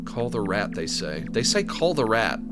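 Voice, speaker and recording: This man from New England has a lowish voice with big pitch swings, a general American accent, and a moderate pace. He rambles goofily while streaming a video game, often laughing at his own jokes in casual live commentary. Game music plays behind him.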